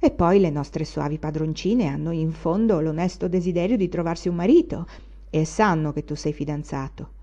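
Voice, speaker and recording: A woman's voice: low voice, moderate pace, mellow, highs cut off. Woman reading as a mocking cynical young student. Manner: sneering, jeering.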